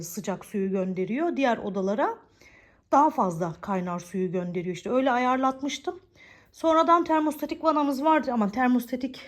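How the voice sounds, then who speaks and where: Woman, home vlogger with a stuffy nose from a cold, chatty and blessing-filled, filming on a phone indoors. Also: fairly high pitch. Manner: chatty, warm greetings and religious blessings. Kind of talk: casual home vlog chat.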